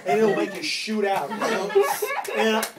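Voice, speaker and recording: A man's voice: high voice, a little slow. A young man telling a rambling, funny story to friends, laughing through his words and putting on other people's voices. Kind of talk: casual story told to friends. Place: room with a group of friends. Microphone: phone recording from across the room. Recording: roomy, distant phone recording with loud crowd. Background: friends laughing and talking.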